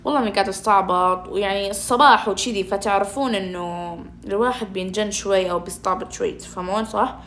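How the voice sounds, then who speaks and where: A woman's voice: mid-range voice, quick pace, slight background noise. A woman, streaming a game from home and chatting playfully with her viewers. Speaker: gaming streamer. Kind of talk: casual gaming commentary.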